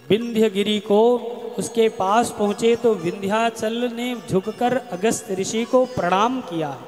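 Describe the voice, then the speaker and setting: A man with a high, measured voice delivers a devotional scripture discourse, chanting verses in a melodic style between slow spoken passages. His voice rings with long reverb through a large hall, with soft music underneath. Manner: chants Sanskrit verses in a sung style, then explains in speech. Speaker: katha preacher.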